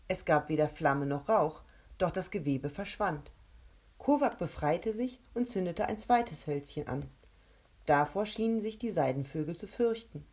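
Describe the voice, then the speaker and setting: A woman narrating an adventure story aloud in a steady, measured way. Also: fairly low pitch, husky.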